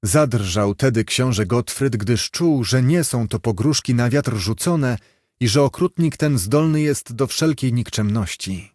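A man's voice: mid-range voice, lively intonation, unhurried, darkish tone, no room sound, studio quality. A man narrating an archaic fairy tale aloud in a solemn storybook manner. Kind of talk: storybook reading.

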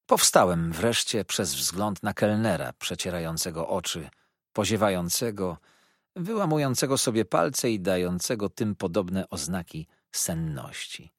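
Husky, expressive male narrator. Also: sits low, measured pace, no echo, studio quality. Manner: expressive, dreamy storytelling. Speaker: audiobook narrator. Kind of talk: classic novel narration.

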